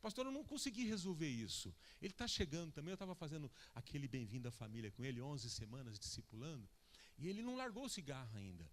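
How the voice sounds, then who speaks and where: A man's voice: a little high, fast. A Brazilian man preaching a sermon as pastor, telling stories and acting out the people in them. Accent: Brazilian Portuguese. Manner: animated, acts out the people in his stories. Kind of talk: sermon with storytelling.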